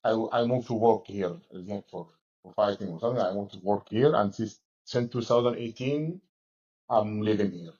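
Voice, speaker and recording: A man in his forties from Egypt, a fighter and coach, answering interview questions in halting English with many restarts, speaking from a gym locker room. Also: lowish voice, a little mellow, husky, dull audio. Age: 40s.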